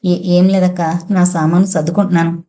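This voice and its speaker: A woman's voice: lowish voice, flat delivery, brisk, dark tone, natural voice. A woman voicing a young bride who speaks timidly and hesitantly through tears. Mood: tearful. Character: young bride, tearful maid of the house.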